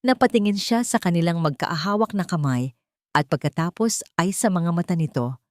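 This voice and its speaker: Reading a scripted romantic story, a woman with a low voice for a woman speaks at a moderate pace with a slightly mellow tone. The recording is dry, with essentially no room sound.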